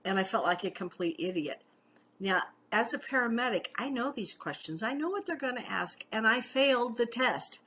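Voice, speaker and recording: A woman's voice: on the high side, animated, normal speed, pushed and bright, slight background noise. A middle-aged woman paramedic teaching a class in a casual, chatty way, often checking in with "okay?" and telling personal stories. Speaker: paramedic instructor.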